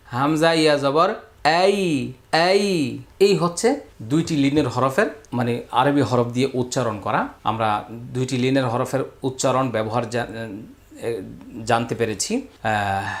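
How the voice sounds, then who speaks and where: A man teaching Arabic letter sounds as a Quran reading lesson, drawing out each syllable and repeating it twice, with patient, direct instructions to the viewer. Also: mid-range voice. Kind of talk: slow call-and-repeat Arabic letter drill.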